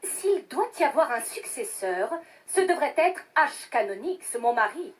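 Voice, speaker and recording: A haughty, bickering village wife. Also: female voice, high-pitched, big pitch swings, a little slow. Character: proud, quarrelsome village wife. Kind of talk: audio drama acting.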